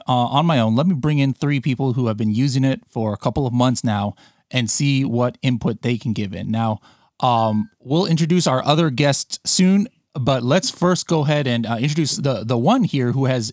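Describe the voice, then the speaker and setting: A man's voice: medium pitch, no echo, clean studio sound. A man hosting a podcast, chatty and upbeat, joking about himself with many fillers. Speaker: podcast host. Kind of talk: casual interview chat.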